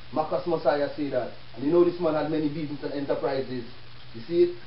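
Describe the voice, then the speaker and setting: A man with a Jamaican accent lectures informally in Rastafarian speech, preaching and reasoning with rhetorical questions as a show host. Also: fairly high pitch. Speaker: self-help show host. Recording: echoey room, distant mic, dull with hiss.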